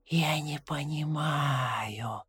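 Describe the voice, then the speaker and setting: A woman's voice: low voice, a bit bright, exaggerated voice. Woman whispering as a dead old man of rats. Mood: cold. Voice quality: breathy whisper. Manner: slow, wheedling, tempting. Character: dead whispering old man, rat-made copy, coaxing. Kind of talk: audiobook character voice.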